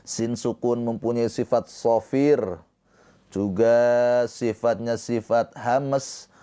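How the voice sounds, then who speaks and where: A man teaching Quran recitation rules in a slow, patient lesson, chanting verse phrases and then explaining them. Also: mid-range voice, fairly even intonation, mellow, clean tone. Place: live-streamed lesson.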